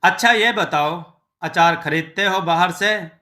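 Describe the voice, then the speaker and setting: A man's voice: high-pitched, takes it slowly, sharp tone, full character voice. Chanchal, a man voicing a cheerful village farmer. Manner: playful, teasing banter.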